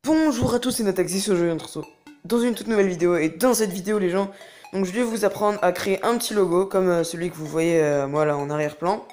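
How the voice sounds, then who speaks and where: A young tutorial host moves quickly through a phone app, step after step, in a relaxed screen recording with faint music behind. The voice sits at a medium pitch with a darkish tone, and the delivery is chatty, rambling, and hesitant.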